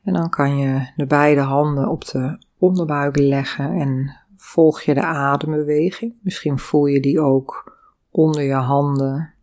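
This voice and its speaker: A woman with a low voice talks slowly through a guided breathing and body exercise. She hums long, resonant vowel sounds between calm instructions. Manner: calm, slow guiding with sung vowel sounds.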